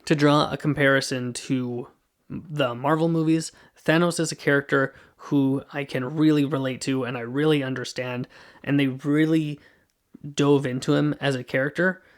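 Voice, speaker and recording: Male podcast host, casual rambling review, clean resonant voice, mid pitch. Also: fairly even intonation, normal speed. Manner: casual, rambling, self-correcting. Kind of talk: solo movie review podcast.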